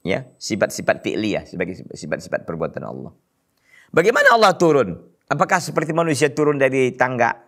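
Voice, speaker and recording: A religious teacher with a North Sumatran Indonesian accent gives an Islamic study lecture in a somewhat bright, lowish voice. He recites Arabic phrases, translates them, and then asks rhetorical questions.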